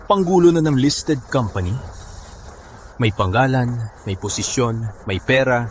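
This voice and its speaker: A humble young man turned company head, voiced by a man, speaking in an amazed, calm way. Faint background noise sits under him. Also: medium pitch, measured pace, close to an everyday voice. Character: humble young man who suddenly becomes a company president.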